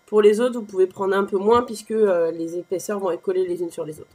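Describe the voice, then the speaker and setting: A woman hosting a crafting tutorial, walking through a software page step by step with a conversational, explanatory manner and frequent fillers. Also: mid-range voice, steady tone, fairly quick. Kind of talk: screen-recorded software walkthrough.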